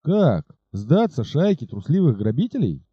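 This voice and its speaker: A man's voice: mid-range voice, very animated, a little slow, husky, dry recording, highs cut off. A man voicing a bold noble horseman in an audiobook, firm and declamatory. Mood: defiant. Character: bold noble male horseman, commanding gentleman.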